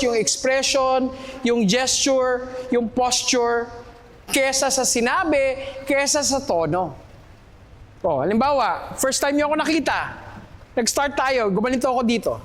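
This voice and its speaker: A male communication coach giving a lively seminar talk, questioning the audience and switching between Tagalog and English. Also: very high-pitched. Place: hall with a live audience. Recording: long hall reverb, faint room noise.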